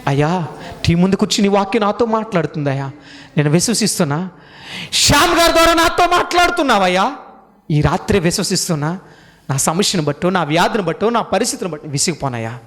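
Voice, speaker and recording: Impassioned preacher with a high voice. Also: male voice, lively intonation, fast talker, big-room sound. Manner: impassioned, rising to urgent high-pitched appeals. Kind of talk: Telugu sermon to a congregation and TV viewers.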